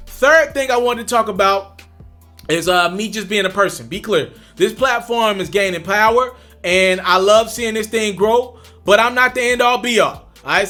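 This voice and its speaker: A young adult man hosts a commentary channel, talking straight to camera in a very high, pushed, bright voice. He addresses his viewers directly and makes emphatic points, repeating them for stress.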